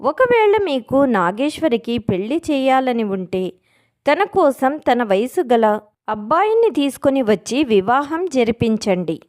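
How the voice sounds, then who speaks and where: A woman's voice: high voice, sing-song, measured pace, a little mellow. A woman voicing an angry young man of twenty-four in a storybook, speaking in a scolding, indignant way.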